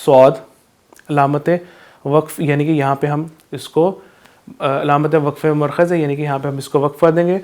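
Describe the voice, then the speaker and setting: Male teacher, Pakistani accent, slightly high voice, patient step-by-step explaining with slow drawn-out recitation. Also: level tone, a little mellow. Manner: explains rules step by step, then recites verses slowly and drawn out. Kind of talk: Quran recitation lesson for children.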